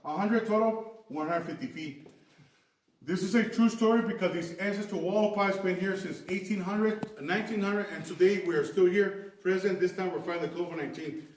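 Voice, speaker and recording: A man working as a cave tour guide, talking to visitors in a halting way with repeated words. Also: high-pitched, darkish tone. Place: underground cavern. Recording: echoing cave, distant mic, faint noise.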